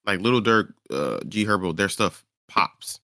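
A man's voice: lowish voice, animated, a little slow, sharp tone, dry recording, studio quality. A tired young man hosting a casual podcast chat, rambling and correcting himself as he goes. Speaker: podcast host.

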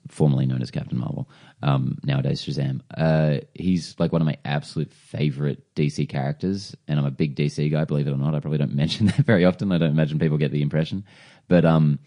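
A man with a very deep, dark voice chats on a casual film podcast. He talks like a keen comics fan, laughing often and swearing casually. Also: steady tone, fast talker, few pauses. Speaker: podcast co-host. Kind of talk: casual chat.

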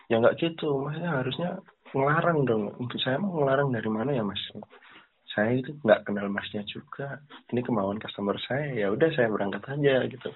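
A man with a medium-pitched, breathy-edged voice talks fairly quickly on a tinny phone line. He's casually telling a story as a caller, acting out the voices of those involved.

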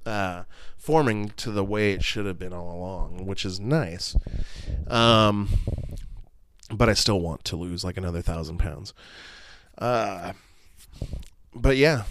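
A man's voice: fairly low pitch, smooth, no room sound, clean studio sound. A man in his late thirties hosting a solo podcast, rambling and swearing casually as he talks to his listeners. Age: 30s. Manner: rambling, profane, self-deprecating. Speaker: podcast host.

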